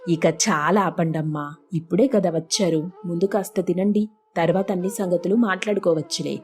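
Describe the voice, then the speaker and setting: A woman's voice: on the low side, moderate pace, a little mellow, soft background music, pitched below the performer's own voice, natural voice. A woman voicing an elderly village mother who scolds and fusses over her daughters in a storybook tale. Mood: scolding.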